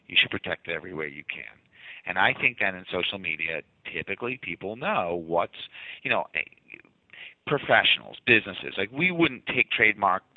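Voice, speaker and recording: A man's voice: low voice, dry recording. A man with a light Boston accent, a guest in his office explaining his marketing ideas eagerly and often restarting words. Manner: enthusiastic, explanatory, repeats words when restarting. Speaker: guest, marketing agency owner. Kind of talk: casual interview talk. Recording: tinny phone-like line, dry.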